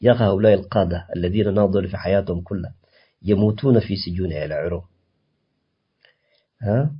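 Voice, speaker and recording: A man speaking as a political guest in a radio interview, impassioned and halting, with frequent restarts and fillers. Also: deep voice, slightly rough, muffled recording.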